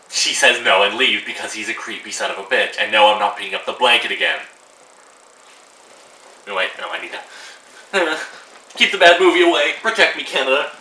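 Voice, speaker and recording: A man's voice: medium pitch, sharp tone, distant mic. Sarcastic teenage guy ranting in an echoey room. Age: teens. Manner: sarcastic, exasperated, swears freely. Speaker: vlogger. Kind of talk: casual rant to camera. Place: room at home.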